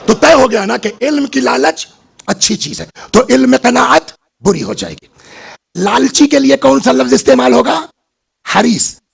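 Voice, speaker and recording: A man's voice: extremely high pitch, big pitch swings. An older man giving a sermon, telling stories and putting questions to his listeners. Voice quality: gravelly, husky voice. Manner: storytelling, asks the audience questions. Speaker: Islamic scholar giving a majlis lecture.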